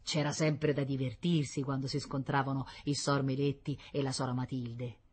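A woman narrating a story aloud in a lively, animated storytelling manner. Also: rumbling low, moderate pace, breathy edge. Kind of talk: expressive storybook reading.

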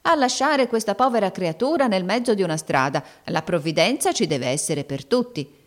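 A woman voicing a sly old woman in a storybook reading, with a shrill, caressing, oily manner. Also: lively intonation, moderate pace, natural voice. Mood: wheedling. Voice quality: shrill yet caressing, unctuous.

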